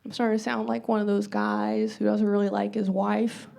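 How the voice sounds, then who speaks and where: A woman doing a stand-up set on a theater stage with a dry, unhurried delivery, with loud crowd laughter behind her. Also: mid-range voice, little pitch movement, gravelly. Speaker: stand-up comedian.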